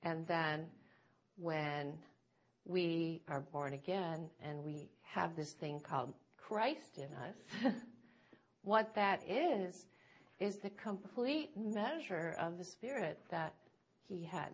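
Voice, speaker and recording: A woman's voice: fairly low pitch, animated, slow pace, husky. A middle-aged woman giving informal Bible teaching to a group, chatty and laughing often, checking in with "right?".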